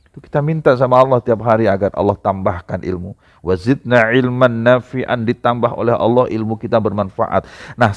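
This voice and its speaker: A man preaching a sermon to a gathering, speaking to the audience directly and rising into emphatic high outbursts.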